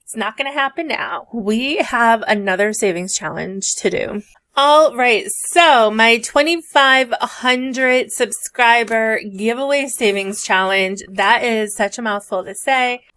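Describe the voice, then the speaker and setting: A woman's voice: a little high, slow pace, bright, forceful tone. Chatty woman budgeting vlogger. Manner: chatty, rambling, thinks aloud. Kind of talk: casual chat while doing savings challenges.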